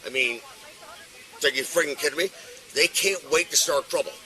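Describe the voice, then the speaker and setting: A man's voice: fairly high pitch, fairly quick, bright, forceful tone, low-quality recording. A drunk middle-aged man rambling and swearing as he tells his side, picked up outdoors by a police body camera. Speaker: resident in a neighbor dispute. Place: outdoors on a residential street. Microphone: officer's body camera.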